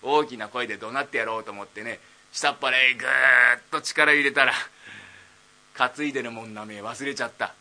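A man voicing a dim-witted idle young man nearly thirty, rambling slowly in rakugo storytelling. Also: medium pitch, bright, forceful tone.

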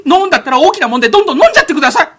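A man's voice: big pitch swings, very fast, fairly bright tone, heavily acted. A man voicing a sheltered, timid young master in a comic rakugo story, speaking in a prim, pleading way. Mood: prim protest. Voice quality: high, pleading, prim polite speech.

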